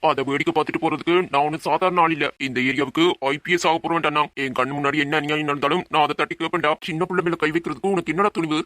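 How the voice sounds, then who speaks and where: A man's voice: fairly high pitch, pushed and bright, no room sound. A man voicing a brave, protective young man in an audio drama, talking firmly and reassuringly. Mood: threatening. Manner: firm, reassuring, lecturing.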